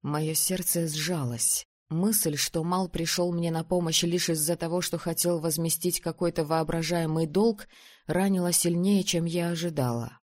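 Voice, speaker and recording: A narrator reading a first-person novel aloud in a calm, steady storytelling manner. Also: mid-range voice, unhurried. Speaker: audiobook narrator.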